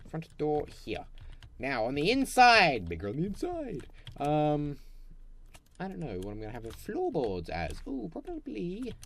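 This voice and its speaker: A young man narrates his own Minecraft building session in a playful, chatty way, humming little tunes to himself. His pitch swings widely and animatedly. Faint keyboard typing ticks along behind his desk microphone. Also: a little hiss or hum. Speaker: gaming channel host. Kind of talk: Minecraft let's play commentary.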